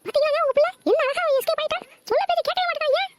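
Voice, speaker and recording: Cartoon mom, bossy and scolding, very high and rushed, woman voicing her. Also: a little hiss or hum. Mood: angry. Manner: domineering, quick and scolding. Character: bossy middle-aged mother arranging son's wedding.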